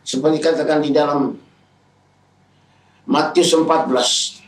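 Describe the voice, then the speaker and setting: A man's voice: a little high, steady tone, measured pace, recorded from a distance. A male pastor delivering a sermon, retelling scenes in raised voices. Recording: echoey hall, speaker away from the mic.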